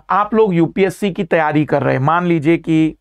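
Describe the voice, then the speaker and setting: A man's voice: fairly high pitch, normal speed, creaky. A male teacher giving a live online exam-prep lecture, explaining terms with emphasis and repeating key words.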